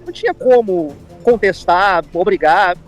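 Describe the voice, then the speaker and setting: High-pitched Brazilian man explaining in an interview. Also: expressive, unhurried, soft background music. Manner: explanatory, repeats himself, seeks agreement with tag questions. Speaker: pastor interviewed as commentator. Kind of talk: spoken interview commentary.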